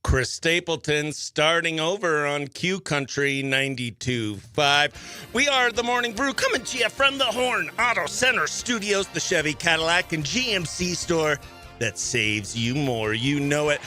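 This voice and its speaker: A little slow and fairly high-voiced, a man hosts morning radio, chatting excitably through banter and giveaway patter while music sits faintly behind him.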